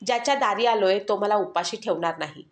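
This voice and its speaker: Woman narrator voicing gentle old male pilgrim, steadfast and prayerful, roomy echo, storybook reading. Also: medium pitch, fairly quick, natural voice. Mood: resolute. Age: older.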